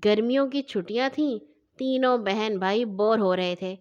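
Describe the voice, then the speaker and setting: A woman narrating a children's story in an expressive, sing-song manner. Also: on the high side, dull audio.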